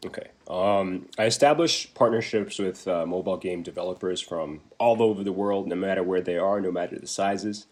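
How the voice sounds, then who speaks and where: A man's voice: deep voice, moderate pace, hardly any pauses. A young man, a business development manager, answering interview questions casually over a video call, with plenty of fillers and restarts. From Taiwan. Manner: chatty, many fillers and restarts. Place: remote video call, at home.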